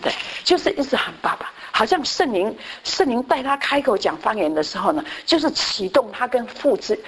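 A woman pastor giving a conversational Bible class. She repeats her phrases and often fills her pauses with a short affirming word. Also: a little high, sing-song, fairly bright tone, a little hiss or hum, rough recording.

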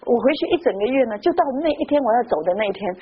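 A woman's voice: a little high, rapid-fire, husky. A middle-aged woman from Taiwan, preaching a sermon full of personal stories and tagging her phrases with little "ha"s. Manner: lively, tags phrases with "ha". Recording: dull lo-fi with faint hiss.

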